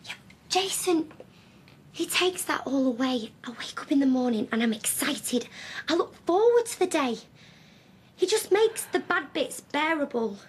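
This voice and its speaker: A woman's voice: high-pitched, lively intonation, unhurried. An actress playing a defensive young woman, pleading with her mother in a television drama. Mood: earnest. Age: young adult.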